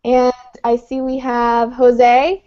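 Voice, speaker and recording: A woman's voice: a little high, completely flat delivery, slow pace, dark tone. A woman teaching an English class online, explaining patiently step by step with frequent "um"s. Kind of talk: live online lesson. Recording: dull lo-fi online call audio.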